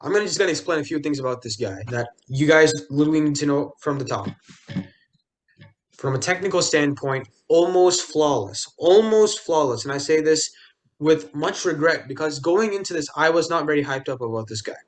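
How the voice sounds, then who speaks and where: A man's voice: fairly high pitch, fairly quick. Rambling young man talking football. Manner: rambling, many fillers and restarts, jokey asides. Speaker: podcast co-host. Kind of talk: casual sports podcast chat.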